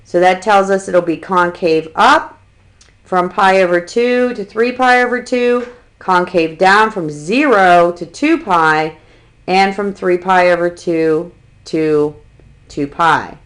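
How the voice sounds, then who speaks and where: A woman teaching a calculus lesson at an unhurried, deliberate pace. She walks through each step of the problem patiently and now and then drops a dry, sarcastic aside. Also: on the low side, a bit bright. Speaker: math instructor. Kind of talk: recorded calculus lecture.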